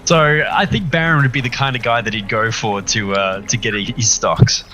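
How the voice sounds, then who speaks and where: A man playing a tabletop game, describing his character in a relaxed way. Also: medium pitch, normal speed, muffled recording, faint music behind. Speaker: player. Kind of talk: casual tabletop play.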